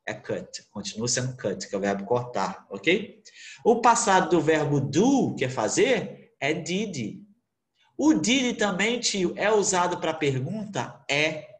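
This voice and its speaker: Man teacher, online class, animated pitch, echoey room. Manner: lively, repeats questions and answers them himself. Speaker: English teacher. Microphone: computer mic on video call. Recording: roomy video call audio.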